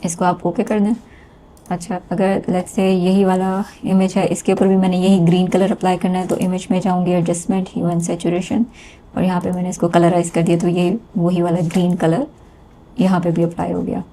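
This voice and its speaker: A woman calmly explaining a screen-recorded design tutorial step by step, with small hesitations. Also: lowish voice, moderate pace, a little hiss or hum. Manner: calm step-by-step explaining with fillers. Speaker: textile design instructor.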